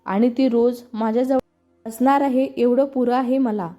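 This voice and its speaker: A woman's voice: a little high, fairly even intonation, normal speed, mellow, faint music behind, lightly acted. A woman voicing an eager young college man in love, in a storybook reading. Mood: earnest.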